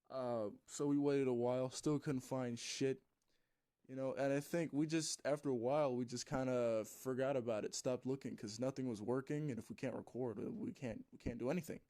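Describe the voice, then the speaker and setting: A man's voice: mid-range voice, dark tone. A man, a gaming YouTuber, rambling through a casual story with loose swearing and plenty of fillers.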